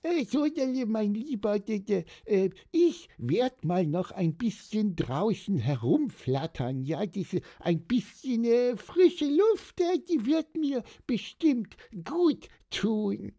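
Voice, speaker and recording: A man voicing a sad little bird in a children's audio story, who talks haltingly with many fillers. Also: sits high, big pitch swings, dark tone, exaggerated voice. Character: small bird character, sad, hesitant. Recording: heavy echo with long reverb.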